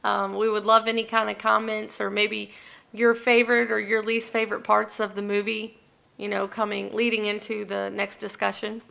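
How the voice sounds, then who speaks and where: Female podcast co-host, mid-pitched, lots of vocal fry, agreeable and easygoing. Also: little pitch movement, normal speed, bright, forceful tone. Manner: agreeable, chimes in with short affirmations and laughs. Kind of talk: casual podcast chat.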